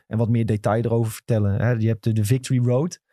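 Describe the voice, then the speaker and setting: Mellow-voiced man chatting games. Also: fairly low pitch, fairly even intonation, quick pace, dry recording, clean studio sound. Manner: enthusiastic, rambling with restarts. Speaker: podcast co-host. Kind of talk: casual gaming chat.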